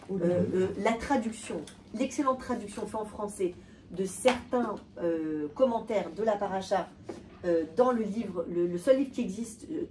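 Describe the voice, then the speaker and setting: A woman giving an animated talk to an audience, often repeating and restarting words. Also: medium pitch. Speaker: lecturer. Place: hall with a live audience. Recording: distant voice with faint room noise.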